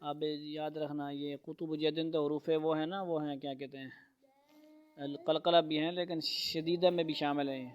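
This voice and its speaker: A man teaching a Quran reading lesson in a classroom, patiently calling out letter sounds loudly and explaining how each one is made. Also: a little high, little pitch movement, smooth, muffled recording. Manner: patient, repeats letters loudly for students to echo.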